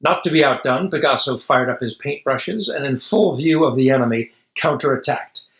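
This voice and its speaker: A man with a medium-pitched, slightly bright voice reads a children's picture book aloud at a moderate pace, full of dramatic emphasis and casual asides. He sounds like a storybook reader, and the audio is dull with an echoey room.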